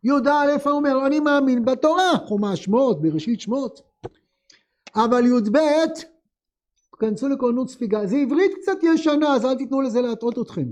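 A male teacher leading a classroom text lesson, asking his students many questions in a lively way. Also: very high voice.

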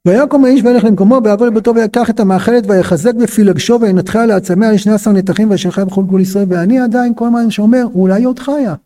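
A man's voice: high-pitched, hardly any pauses, warm tone. A man teaching a Bible chapter, reading the verses aloud and breaking off to ask indignant, emphatic rhetorical questions.

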